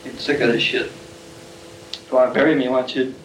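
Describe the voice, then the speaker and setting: A man's voice: mid-range voice, little pitch movement, moderate pace, far from the mic. Young man, twenties, defensive and combative, on old archival tape: off-mic, roomy, faint hiss. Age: 20s. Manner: defensive and belligerent. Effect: old archival tape recording. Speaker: suspect under interrogation.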